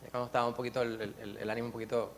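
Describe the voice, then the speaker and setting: A man sharing at a church Bible study, earnest and lively, telling stories with many restarts and asides. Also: medium pitch, very fast, slight background noise. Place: church classroom.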